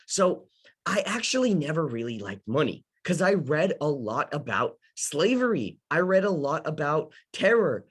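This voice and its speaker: A young Ukrainian man hosts an investing workshop, teaching a casual live lesson for beginners and talking straight to his audience. His voice is on the high side and a bit bright, and his delivery is full of fillers and restarts.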